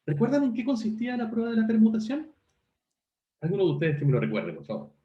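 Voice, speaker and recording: Fast and high-voiced, with wildly swooping pitch, a male university teacher conducts an online lesson via video call. He questions students to test their understanding throughout, and the sound is roomy, dull, and lo-fi.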